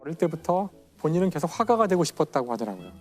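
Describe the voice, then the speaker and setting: A man's voice: a little high, very animated, soft background music. Enthusiastic man telling a story on a talk show. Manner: enthusiastic, slows down for dramatic emphasis. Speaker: physics professor guest speaker.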